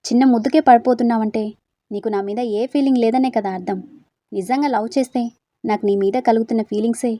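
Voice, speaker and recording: A woman's voice: on the high side, fairly even intonation, fast, mellow, no echo, clean studio sound, lightly acted. A woman voicing a brooding young man who breaks off with his lover in a curt, reproachful tone, read as part of a storybook. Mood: hurt, reproachful.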